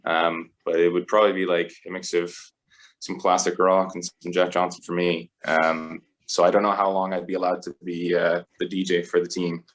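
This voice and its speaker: A man's voice: low voice, flat delivery, normal speed, slight background noise. A man in his twenties, a rugby player chatting easily as a guest with lots of fillers. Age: 20s. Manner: easygoing, rambling with frequent fillers. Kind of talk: casual interview chat.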